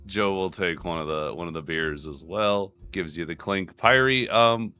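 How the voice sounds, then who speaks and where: A man's voice: low-pitched, moderate pace, bright, forceful tone, dull audio. A man narrating casually as game master of a tabletop game, describing scenes in a conversational way. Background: background music.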